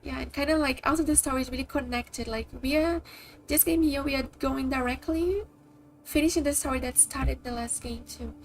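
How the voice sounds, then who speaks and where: Speaking fairly quickly in a high voice, this Portuguese-speaking woman from Brazil rambles through casual live-stream chat as she plays a game. Her Brazilian accent comes through, she leans heavily on "like" and "kinda," and game music sits faintly underneath.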